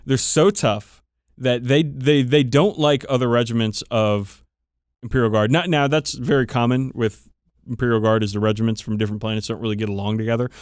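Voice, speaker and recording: Here a male podcast host explains game lore in a casual, excited chat full of emphatic swearing. His mid-range voice has a darkish tone, captured with clean studio sound and no room sound.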